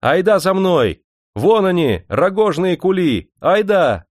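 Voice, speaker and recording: A bold, fiery young village girl, as a male narrator puts her on, rallies the women with ringing, urgent shouts. Her voice sits well above his own and stays dry and close. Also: sits high, big pitch swings, slow, dry recording, voice pushed up, full character voice. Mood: urgent commanding.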